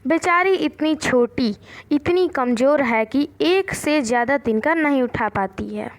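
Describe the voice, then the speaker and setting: A proud, mocking bull elephant from a children's storybook, voiced by a woman teacher reading aloud. He boasts of his strength in a high voice. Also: animated, measured pace. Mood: boastful, mocking. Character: boastful laughing male elephant.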